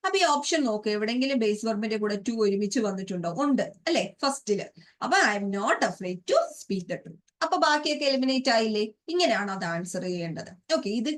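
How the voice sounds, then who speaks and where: A woman with a Malayali accent and a voice on the high side teaches English grammar and vocabulary for an exam. She often asks her students questions and slowly repeats and spells out words.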